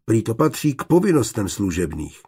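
A man's voice: lowish voice, sing-song, a little mellow, breathy edge, full character voice. A man reading an audiobook, voicing an indignant young servant woman with a raised voice. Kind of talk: audiobook character voice.

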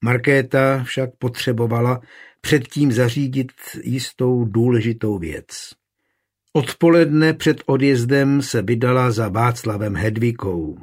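A man reads a historical novel aloud, measured and even. His middle-pitched voice is husky, with a breathy grain throughout. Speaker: narrator. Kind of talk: audiobook narration.

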